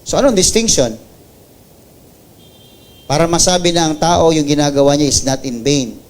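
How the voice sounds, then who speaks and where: A man with a Filipino accent preaching a sermon, building to loud, high emphasis and then dropping soft and low, mixing English phrases into his preaching. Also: normal speed. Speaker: pastor. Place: church service.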